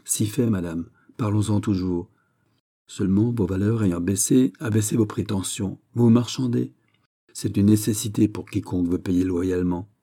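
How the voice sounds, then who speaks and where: A man voicing a cold, calculating royal minister in an audiobook, measured and formal. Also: lowish voice, warm tone. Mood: firm. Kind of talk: audiobook character reading.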